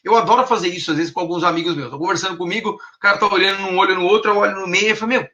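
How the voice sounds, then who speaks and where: A man with a Brazilian Portuguese accent giving a workshop lecture on communication, energetic and acting out vocal intonations as he teaches. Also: sits high, racing, muffled recording. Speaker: communication trainer. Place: lecture stage.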